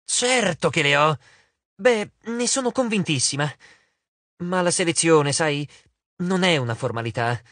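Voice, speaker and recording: A man voicing a vain, touchy giant spider woman for a storybook, with shrill, shrieking outbursts. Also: animated, unhurried, a bit bright, no room sound. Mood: haughty.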